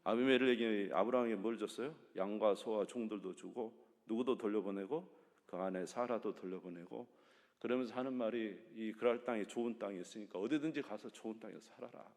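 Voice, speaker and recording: A male pastor's sermon recorded in a church sanctuary, where a long reverb trails after his words. His voice sits on the low side as he talks the congregation through a Bible story. He breaks into character voices and reads the verses aloud with added volume. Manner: explains a passage, then acts out the characters' words in everyday speech; reads scripture aloud louder and slower.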